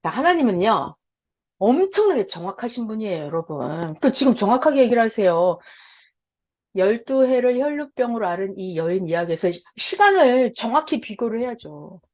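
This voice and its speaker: A woman's voice: fairly high pitch, big pitch swings, moderate pace, darkish tone. A woman teaching a Bible story lesson, quizzing her listeners and acting out the voices in quotes. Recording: dull lo-fi sound.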